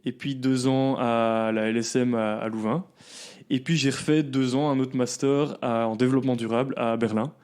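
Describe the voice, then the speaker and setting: A man, a company founder chatting casually as a podcast guest, relaxed and full of fillers. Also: medium pitch, moderate pace, smooth. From southern Belgium. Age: 20s. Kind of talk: casual interview chat.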